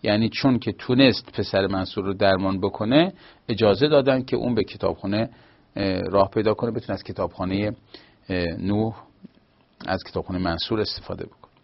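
A man's voice: lowish voice, gravelly. A man teaching a grammar lesson, explaining patiently with small hesitations. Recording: slightly dull lo-fi recording.

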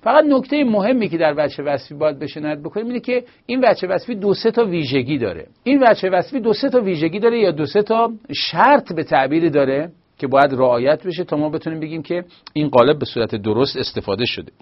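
Patient grammar teacher, dull recording. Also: male voice, a little high, very animated. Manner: explanatory, patient, with hesitations. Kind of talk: grammar lesson.

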